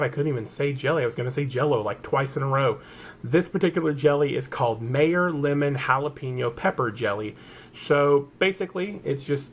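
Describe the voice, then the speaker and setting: A man's voice: mid-range voice, a little hiss or hum. A man with a Southern American accent chatting casually through a product haul, rambling and correcting himself as he goes. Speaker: vlogger.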